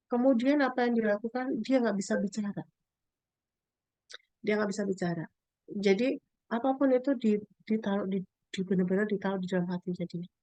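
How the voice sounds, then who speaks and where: Animated middle-aged woman, dry sound. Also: mid-range voice, dry recording. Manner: animated, acts out quoted lines in a raised voice. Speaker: speaker sharing a personal story about inner wounds. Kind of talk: casual testimonial talk.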